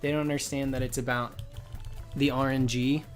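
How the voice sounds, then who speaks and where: A man live streaming a game explains his opinions in casual, informal chat as his voice starts to give out. His mid-range voice has little pitch movement and a normal speed, with music in the background.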